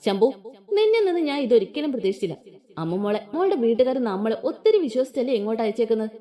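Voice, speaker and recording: A woman's voice: on the high side, very animated, fast, mellow. A woman voicing an older father-in-law who is tender with his daughter-in-law and scolds his son, in a storybook reading. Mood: reproachful.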